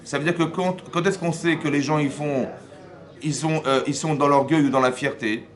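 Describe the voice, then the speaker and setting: A man, a rabbi, giving a lively Torah class, often acting out dialogue and asking his listeners whether they follow. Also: a little high, moderate pace. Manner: acts out dialogue in first person.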